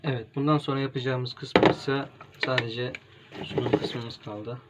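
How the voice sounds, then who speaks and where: A young man from Turkey, a gastronomy student, calmly walking through a cooking demonstration step by step, with pauses and fillers. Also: medium pitch. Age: young adult. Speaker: gastronomy student presenting a recipe. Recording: dull lo-fi home recording with faint noise.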